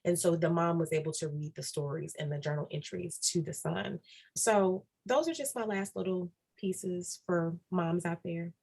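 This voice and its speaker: Low-voiced woman giving earnest advice. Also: moderate pace, vocal fry, darkish tone. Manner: earnest, repeats key phrases for emphasis. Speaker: interview guest. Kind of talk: reflective podcast interview talk.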